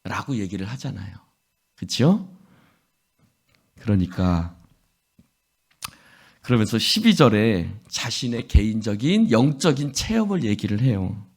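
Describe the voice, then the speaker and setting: A man's voice: lowish voice, a little slow, long pauses, slightly rough. A male pastor giving an early-morning prayer sermon, acting out voices and putting questions to the congregation. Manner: lively, acts out voices and asks the congregation questions.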